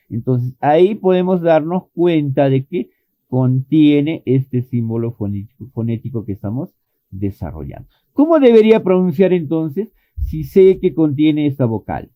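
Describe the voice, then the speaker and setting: A man's voice: on the high side, lively intonation, moderate pace, no room sound. A man teaching an online English pronunciation lesson, patiently explaining and repeating vowel sounds as demonstrations. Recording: thin phone-like dry audio.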